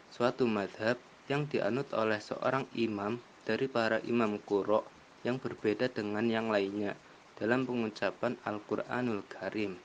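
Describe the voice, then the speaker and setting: Young man, low-pitched, careful read-aloud lesson, slight noise behind. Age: young adult. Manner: careful, measured reading of definitions. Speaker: university student presenter.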